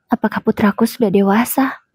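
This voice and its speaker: A woman narrating a first-person story in a soft, breathy voice. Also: fairly high pitch, fairly even intonation, a little fast, no echo, studio quality.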